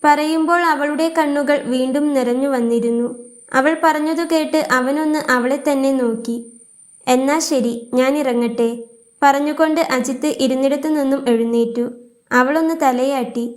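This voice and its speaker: A woman narrating a scripted story in a calm, even storytelling manner. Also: sits high, moderate pace.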